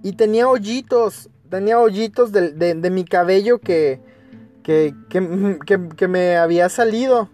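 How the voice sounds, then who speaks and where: A man's voice: sits high, a little slow, a little mellow, soft background music. A man with a Mexican accent, hosting a podcast and telling a personal story in a casual, crude, emphatic way, full of fillers and stumbles. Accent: Mexican Spanish. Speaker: podcast host.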